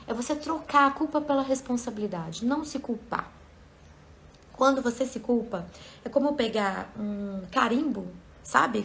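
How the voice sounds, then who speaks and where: A woman's voice: a little high, gravelly, slight background noise. A woman giving a motivational self-help talk as a coach, speaking conversationally and often checking in with her listeners.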